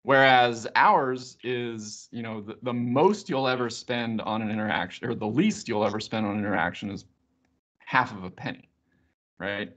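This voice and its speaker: A man, a software company guest, explaining how a product works in a hesitant, explanatory way with many restarts. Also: mid-range voice, normal speed. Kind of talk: conversational technical explanation. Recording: muffled video call audio.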